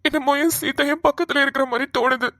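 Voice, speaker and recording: A woman's voice: sits high, steady tone, fast, dry recording, clean studio sound. A woman voicing a shy lovesick young man. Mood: pleading. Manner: soft, hesitant, pleading. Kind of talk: cartoon voice acting.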